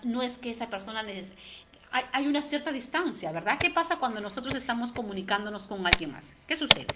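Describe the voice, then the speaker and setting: A woman giving an expressive talk on communication, speaking straight to her listeners with rhetorical questions and dropping to a soft, quiet voice to stress a point. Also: mid-range voice, slight background noise. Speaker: communication coach. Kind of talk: motivational talk to camera.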